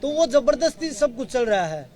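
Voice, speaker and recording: A man's voice: very high voice, big pitch swings, moderate pace, a little mellow. A man at a sit-in protest speaking urgently and accusingly to reporters. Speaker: protesting wrestler. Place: outdoor protest site. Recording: outdoor crowd noise behind.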